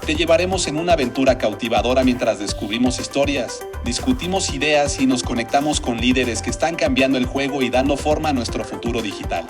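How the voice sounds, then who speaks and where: A man gives an upbeat, polished announcer read of a podcast's opening lines. His voice is mid-pitched, and clear music plays behind him throughout. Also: brisk, few pauses. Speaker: show announcer. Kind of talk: scripted promo intro.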